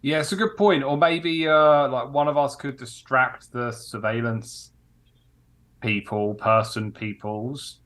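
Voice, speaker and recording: A man's voice: mid-range voice, steady tone, slow pace, fairly bright tone. A man playing in a tabletop game, chatting casually with many fillers. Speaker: player. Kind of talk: tabletop role-play chat.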